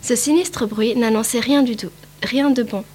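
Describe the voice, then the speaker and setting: A woman reads a picture book aloud in a slightly high voice, careful and steady with small slips now and then. Plain storybook narration. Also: moderate pace, background noise.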